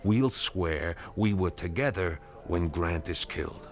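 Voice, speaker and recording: An actor playing a vengeful male war veteran in a 1970s radio drama, calmly and persuasively planning a murder. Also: low voice, measured pace. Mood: scheming coldly. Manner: cold, persuasive, matter-of-fact about killing.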